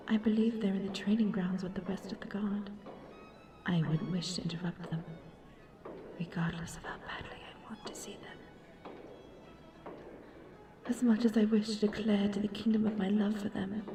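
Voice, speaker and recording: With background music underneath, a woman plays a gentle young princess with troubles in a fantasy romance roleplay. She speaks in soft, intimate, archaic courtly phrasing, her voice medium in pitch and creaky.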